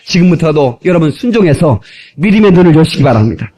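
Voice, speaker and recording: Emphatic, lively-pitched male preacher. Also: fast talker, husky. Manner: emphatic preaching with shouted exclamations and calls to the congregation. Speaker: pastor. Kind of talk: sermon.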